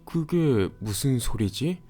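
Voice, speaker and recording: A man's voice: mid-range voice, expressive, takes it slowly, dark tone, faint music behind, pitched above the performer's own voice. A man doing an anxious mother calling out. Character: worried middle-aged mother.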